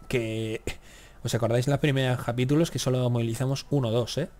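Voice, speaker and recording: A gaming YouTuber gives laid-back commentary on a strategy game, his mid-range voice quick, a little mellow, and fairly even in intonation. Mostly he talks to himself, muttering complaints and cursing at the game.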